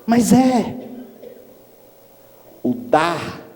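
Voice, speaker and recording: High-voiced man giving an animated lecture. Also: very slow. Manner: animated, emphatic storytelling. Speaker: spiritist lecturer. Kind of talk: inspirational lecture with anecdotes. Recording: long hall reverb, faint background noise.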